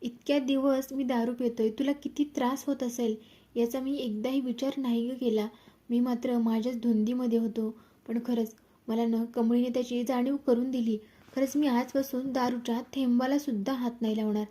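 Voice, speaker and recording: A woman's voice: on the high side, level tone, moderate pace, dark tone, natural voice. A woman voicing a remorseful grown son who apologizes to his mother in a recap of a serial. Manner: apologetic, pleading.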